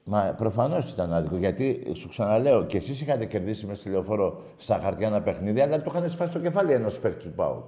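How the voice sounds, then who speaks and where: A man co-hosting a comedy show, arguing loudly and ranting at length in heated football banter. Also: fairly low pitch, sing-song, few pauses. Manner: loud, argumentative, rants at length. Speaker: co-host of a comedy radio show.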